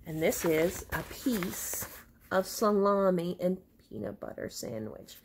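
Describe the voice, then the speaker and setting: A woman's voice: lowish voice, slow pace, slight background noise. A woman reading a children's book aloud, breaking off for chatty asides and to show pictures. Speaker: storybook reader.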